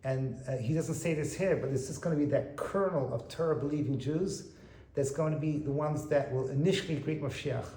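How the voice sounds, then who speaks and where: A man giving an animated Torah lecture as a rabbi, quoting Hebrew texts and translating them. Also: fairly high pitch, brisk, reverberant, rough recording. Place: private home.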